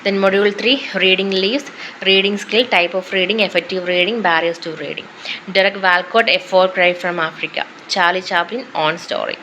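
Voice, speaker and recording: A woman's voice: mid-range voice, very slow, pushed and bright, a little hiss or hum, poor audio. A woman with a Malayali accent reading out a course syllabus as a list of topics, in short phrases that switch between English and Malayalam. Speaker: teacher going through a syllabus.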